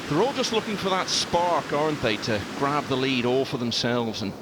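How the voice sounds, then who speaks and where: A man's voice: medium pitch, animated, normal speed, very noisy. A man giving golf commentary as the lead voice, informative, setting out scores and player records.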